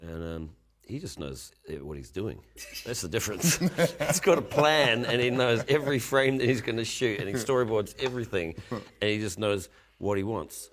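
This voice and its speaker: A film director with a New Zealand accent, chatting in an interview, joking about himself and laughing often. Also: male voice, on the low side, lively intonation, normal speed, few pauses, a crowd in the background. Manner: self-deprecating, laughs often. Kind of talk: casual interview chat.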